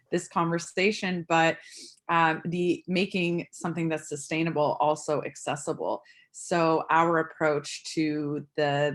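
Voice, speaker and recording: Flat-toned woman answering on a panel. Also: sits low. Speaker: panelist, yoga apparel business.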